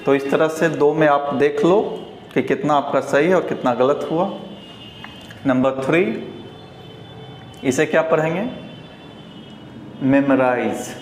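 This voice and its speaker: Slow, deliberate male English teacher. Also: on the high side. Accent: Hindi. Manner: slow, deliberate, repeats each word several times. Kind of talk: pronunciation lesson at a board. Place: classroom with a board. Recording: echoey room with faint ambient noise.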